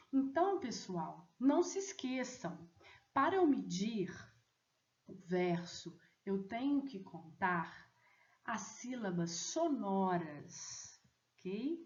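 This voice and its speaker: A woman teacher explaining a lesson deliberately, often checking in with students. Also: on the high side. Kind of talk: recorded online lesson. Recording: echoey, dull lo-fi room audio.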